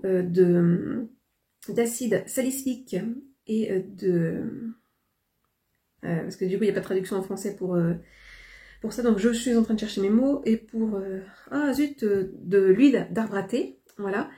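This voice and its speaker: A woman's voice: medium pitch, measured pace, dark tone. A young woman chatting casually to camera about her shopping haul, hesitant and full of fillers. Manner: hesitant, many fillers and restarts. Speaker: haul vlogger.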